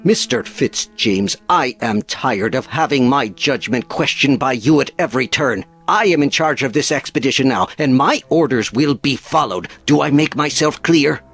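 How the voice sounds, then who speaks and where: A man plays a ship's captain in an audio drama, firm and tired of it all. His mid-pitched voice is formal and used to command, with faint music behind. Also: lively intonation, normal speed, few pauses, fairly bright tone, breathy edge. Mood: stern. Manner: formal, authoritative.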